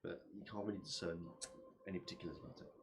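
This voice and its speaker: A man improvising narration as game master of a tabletop game, describing things in a halting way. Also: low voice, steady tone, slight background noise.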